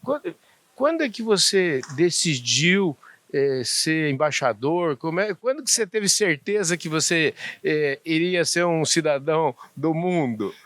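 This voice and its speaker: A man's voice: fairly high pitch, lively intonation, unhurried, a bit bright, no echo. A Brazilian man hosting a casual interview, asking loose, fumbling questions and filling the gaps with short acknowledgements. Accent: Brazilian Portuguese. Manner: chatty, fumbling questions, frequent backchannel. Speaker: interview host.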